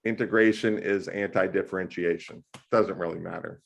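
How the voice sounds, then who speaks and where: Over a video call, a man tutors math one-on-one in a fairly low voice with vocal fry at a moderate pace. He's loud and animated, and he keeps working jokes into the lesson.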